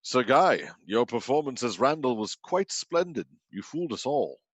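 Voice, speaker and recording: A man voices a gracious king, measured and commanding, in a radio drama. His mid-range voice moves with lively pitch, recorded dry and close. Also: no room sound. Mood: regal. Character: regal, gracious disguised king. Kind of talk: stage radio-play acting.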